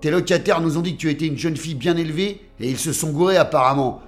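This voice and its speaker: A man voicing a calm, matter-of-fact male private detective in a storybook reading. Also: fairly high pitch, fast, faint music behind, close to an everyday voice. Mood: dry.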